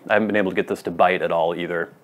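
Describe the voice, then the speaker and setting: A man in his thirties giving a casual, deliberate review to camera, laying out his points in short phrases. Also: low voice, steady tone. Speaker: pipe tobacco reviewer. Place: wood-floored room at home, indoors.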